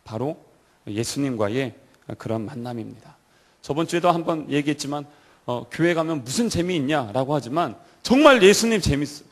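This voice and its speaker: A man's voice: fairly high pitch, animated, moderate pace. A man preaching to a church youth service, telling stories and asking the congregation direct questions. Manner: storytelling, asks the audience direct questions. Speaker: pastor.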